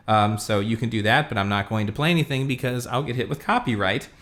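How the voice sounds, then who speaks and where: A man hosting a casual tech product review, talking through a demo in a relaxed way with many fillers. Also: medium pitch, quick pace. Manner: relaxed, lots of fillers, talks while demonstrating.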